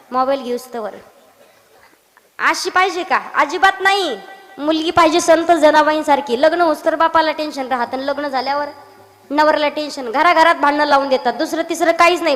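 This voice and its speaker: A woman's voice: high-pitched, a bit bright. A woman preacher giving a devotional kirtan sermon, teasing and quizzing her audience and breaking into song. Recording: long hall reverb.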